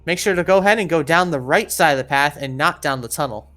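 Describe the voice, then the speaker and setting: In this gameplay walkthrough voice-over, a woman with a low, slightly bright voice directs players step by step at a quick pace, serving as their guide.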